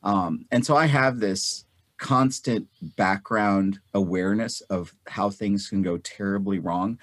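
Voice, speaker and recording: A man in his fifties from North India, a guest telling a story in an interview, halting and repeating words, livelier when he quotes people. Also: fairly low pitch, fairly bright tone, no echo.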